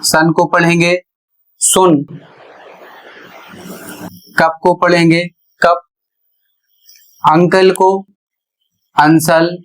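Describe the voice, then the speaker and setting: A male teacher explains how to pronounce a letter, speaking at a slow, unhurried pace. His voice sits somewhat high for a man. He spells words out letter by letter and returns to each point with steady, patient repetition. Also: clean tone, low-quality recording. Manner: slow, deliberate, repeats phrases while explaining. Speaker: English pronunciation teacher.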